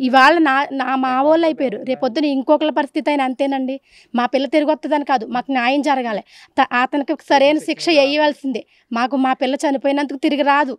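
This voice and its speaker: Fast, pleading Telugu-accented woman. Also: sits high, dry recording. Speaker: relative of the victim. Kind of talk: emotional news interview.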